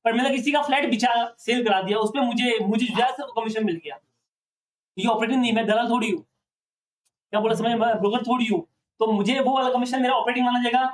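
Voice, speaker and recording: A male accounting teacher lecturing a classroom, often pausing to ask students questions to check they follow. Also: extremely high pitch, distant mic.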